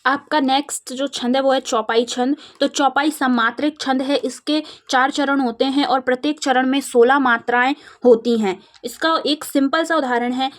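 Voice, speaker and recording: A young woman from India with a Madhya Pradesh Hindi accent, teaching an exam revision lesson and explaining terms step by step. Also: high-pitched. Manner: steady explaining, slows to recite verse examples.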